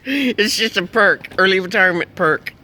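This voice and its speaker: A vlogger in his fifties chats in his car in a rambling, joking manner, chuckling and humming silly tunes. His voice is high, bright and forceful, animated yet at a normal pace.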